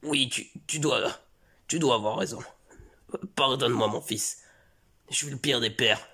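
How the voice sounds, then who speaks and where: Man doing a low, gruff Bowser father. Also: a bit bright. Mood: remorseful. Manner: low, slow, dramatic. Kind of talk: comedic fan parody acting.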